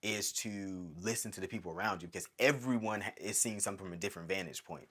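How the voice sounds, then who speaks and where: Bright-voiced guy rambling through a casual chat, lowish voice, lots of "like"s. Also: fast talker, slightly rough. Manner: animated, rambling storyteller with many fillers. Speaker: film director and podcast host. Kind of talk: casual conversation.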